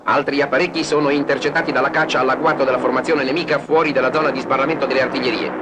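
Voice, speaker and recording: A man's voice: medium pitch, steady tone, racing. A man narrates a wartime newsreel in a formal, declamatory, scripted style. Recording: noisy 1940s archival newsreel soundtrack.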